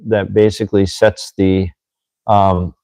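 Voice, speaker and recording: A man's voice: low-pitched, little pitch movement, slow, a little mellow, no echo, low-quality recording. A man hosting a casual livestream, chatty and self-deprecating, sorting out his microphone and then reading from a military handbook. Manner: chatty and self-deprecating, fiddling with audio gear. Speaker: host, former Marine Corps religious lay leader. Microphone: desk microphone with gain control. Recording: dry, close, slightly clipping mic.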